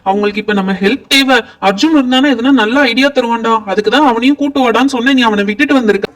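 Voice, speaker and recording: A helpful, chatty young boy in a doll play rattles along, as a man voices him. The voice is very high and quick, recorded a little far off the mic, with a reassuring, friendly manner. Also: a bit bright. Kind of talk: doll pretend-play voice acting.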